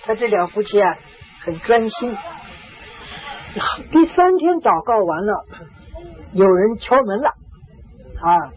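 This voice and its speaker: High-voiced man preaching over tinny audio. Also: animated. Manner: repetitive, emphatic, frequent drawn-out "ah" fillers. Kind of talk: storytelling sermon. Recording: tinny phone-like lo-fi recording.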